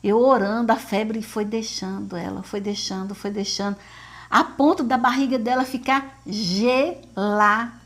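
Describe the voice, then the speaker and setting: A woman's voice: medium pitch, steady tone, moderate pace. A Brazilian woman telling of her faith as a mother, in an earnest, repetitive way that speaks straight to listeners. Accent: Brazilian Portuguese. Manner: earnest, addresses listeners as "gente", many fillers and repetitions. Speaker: mother giving testimony. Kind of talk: emotional faith testimony.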